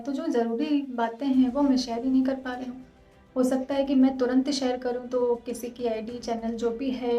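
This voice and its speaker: A woman in her thirties talking fast and earnestly to her viewers in a casual vlog. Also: on the high side, mellow, roomy sound. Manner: fast, earnest, direct address. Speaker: vlogger.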